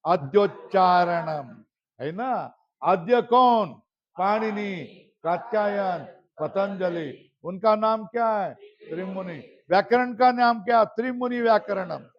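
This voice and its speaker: A man's voice: sits high, takes it slowly. A man teaching a Sanskrit grammar class, quizzing his students and chanting the terms back in a drill. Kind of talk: classroom lesson with question and answer drills. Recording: slightly dull lo-fi recording.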